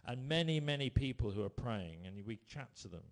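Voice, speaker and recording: A man's voice: mid-range voice, expressive, brisk. Man preaching a sermon. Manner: storytelling, rising to emphatic bursts then dropping quiet.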